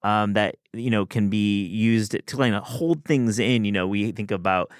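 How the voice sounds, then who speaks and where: A man's voice: fairly low pitch, moderate pace, no echo, clean studio sound. A man hosting a podcast, talking in an enthusiastic, chatty way with many restarts. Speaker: podcast host. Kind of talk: casual chat.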